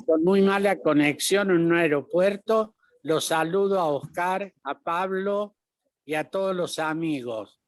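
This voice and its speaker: A man speaking over a weak, choppy online call from an airport, saying slow, friendly farewells to a panel. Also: sits high, dry recording. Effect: weak, choppy online call connection. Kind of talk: casual remarks. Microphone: video call.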